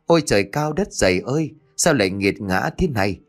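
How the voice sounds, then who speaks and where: A man's voice: on the low side, animated, fairly quick, faint music behind. A man voicing an old village woman wailing in grief over her dead grandson, in an audiobook. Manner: wailing lament.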